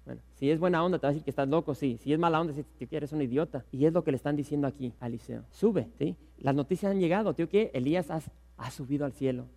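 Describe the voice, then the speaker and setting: A man's voice: on the high side, very fast, creaky, few pauses, warm tone. A man, a pastor giving a sermon and reading scripture aloud with rising emphasis.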